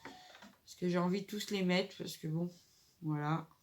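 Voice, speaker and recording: A craft vlogger whose nose is stuffy from a cold chats casually, thinking aloud as she crafts a table decoration. Her nasal voice is on the low side, fairly even in intonation and a little slow, with slight background noise behind it.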